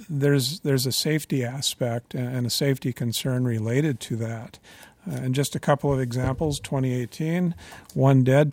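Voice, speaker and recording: Playing a utility regulator at a public meeting, a man speaks in a measured, formal way, though with frequent fillers and restarts. His voice is mid-range with a dark tone, and there is no echo.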